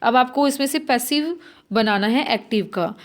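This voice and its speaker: A woman teaching an exam-prep lesson, asking and answering her own questions as she walks through each answer and reading English sentences out slowly. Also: fairly high pitch.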